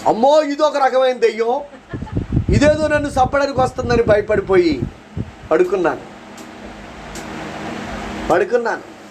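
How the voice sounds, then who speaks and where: A man's voice: very high voice, moderate pace, noisy background. A man preaching a testimony sermon, telling his story dramatically with repeated phrases and earnest, pleading prayers. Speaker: preacher giving a personal testimony.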